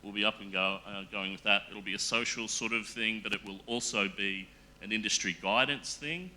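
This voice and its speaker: A man talks on a casual panel, earnest and halting, full of fillers and restarts. His voice is low and very bright, and a faint hiss sits beneath it. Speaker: panel guest.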